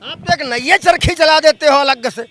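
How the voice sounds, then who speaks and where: A man's voice: extremely high pitch, normal speed, a bit bright. A man, anchoring a political debate and pressing the same question again and again.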